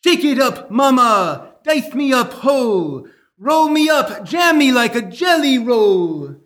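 A man's voice: very high-pitched, big pitch swings, slow pace, fairly bright tone, heavily acted. A man voicing a dopey, cheerful cartoon moose who grandly recites poetry in a goofy voice for a radio-style comedy sketch. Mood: crooning recital. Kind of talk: old-time radio variety sketch.

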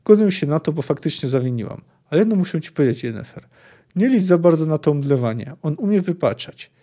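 A man's voice: fairly high pitch, animated, fast talker, mellow. Man voicing a cold, resolute young sorceress. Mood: stubborn. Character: frightened then resolute young female sorceress.

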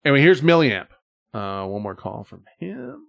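Male podcast host, middle-aged, medium pitch, loose rambling casual talk, salty language. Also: wildly swooping pitch, normal speed, vocal fry, fairly bright tone. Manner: rambling, profane. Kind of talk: casual chat.

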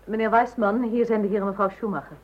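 An actress playing a polite, formal secretary. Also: female voice, mid-range voice, steady tone, quick pace, lo-fi sound, background noise, lightly acted. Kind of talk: radio drama acting.

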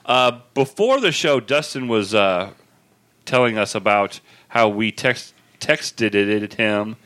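A man's voice: fairly low pitch, animated, slow, fairly bright tone. A man co-hosting a podcast in casual chat, rambling and laughing as he tells a story. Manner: rambling, laughs while telling stories. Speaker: podcast co-host.

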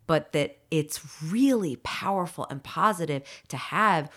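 Low-voiced animated woman in conversation. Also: unhurried. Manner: animated, laughs often, swears casually. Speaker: housing advocacy group leader, guest. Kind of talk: casual podcast conversation.

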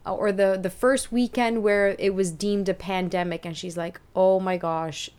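Female dietitian co-hosting a podcast from a basement. Crisp mid-range voice, informal conversational delivery. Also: medium pitch, steady tone, normal speed, a little mellow. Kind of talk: casual podcast chat. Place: indoors in a basement, not a studio.

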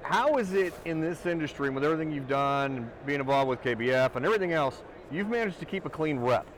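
He's a podcast host at an outdoor trade show booth, speaking quickly and expressively in a fairly high voice. He swears casually as he rambles his way through the interview questions.

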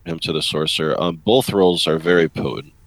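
A man's voice: sits low, fairly quick, low-quality recording. A man chatting casually about a video game as part of a podcast panel. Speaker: podcast co-host or guest.

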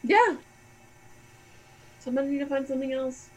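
A woman co-hosting a casual comics podcast, chatty and playful with quick asides. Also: high voice, soft background music, low-quality recording. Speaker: podcast co-host.

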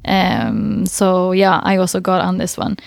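A woman's voice: lowish voice, lively intonation, unhurried, vocal fry, dry recording, studio quality. A woman guest in a conversational interview, speaking thoughtfully and hesitantly with frequent fillers and laughs. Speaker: interview guest, long-distance cyclist.

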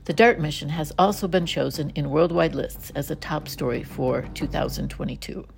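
American female science news host; deep register, strong gravelly fry, scripted read. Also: normal speed. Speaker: science show host and volunteer reporter.

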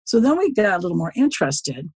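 Quick and sing-song, with a medium-pitched, husky and slightly mellow voice, a seventy-something woman chats as a podcast guest. A social media consultant, she spins casual stories in a folksy, meandering style, often looping back with asides, and the recording has no room sound.

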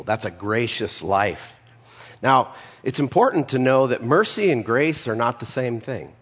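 A man preaching a sermon in an easygoing, conversational way. He tells stories and drops casual asides to the congregation. His voice rings out with a long reverb, as if in a large hall. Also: mid-range voice. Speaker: pastor.

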